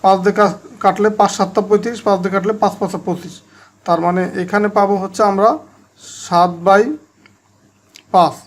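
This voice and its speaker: A man's voice: high-pitched, flat delivery, a little fast, pauses often. Man explaining a math lesson step by step. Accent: Bangladeshi Bengali. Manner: explains step by step, talks to students directly. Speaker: math teacher.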